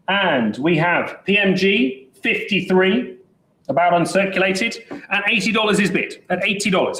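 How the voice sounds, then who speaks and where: A man calls bids in a high, lively voice, keeping up a brisk, joking patter. He sounds like a working auctioneer at a live sale. The recording is roomy, with clear echo from the saleroom. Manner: brisk, chatty bid-calling with jokes.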